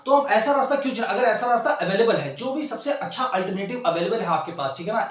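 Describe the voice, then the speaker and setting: A man who speaks Hindi and English with an Indian accent, teaching an online English lesson and coaxing his students, who speak Hindi, with constant check-ins. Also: sits high. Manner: coaxing, keeps adding "ठीक है ना?". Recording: very echoey room.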